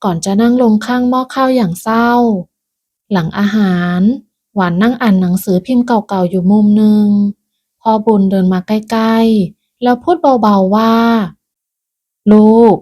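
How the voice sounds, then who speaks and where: A woman narrating a moral folk tale in a calm, measured storytelling voice. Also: medium pitch.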